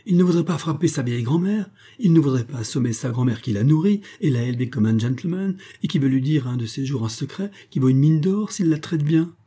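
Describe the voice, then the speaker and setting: A shrill, wheedling old grandmother from the back alleys, as a male narrator puts her on, pitched well above his own low voice. Her tone is dark and husky underneath, and she coaxes and pleads in an audiobook reading. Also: expressive, a little fast, hardly any pauses. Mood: pleading. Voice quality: shrill, cajoling. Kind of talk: audiobook character voice.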